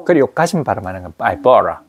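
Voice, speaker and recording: A man's voice: on the low side, sing-song. Man teaching English pronunciation drills. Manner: explains slowly, drills pronunciation with repetition. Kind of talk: classroom grammar lesson.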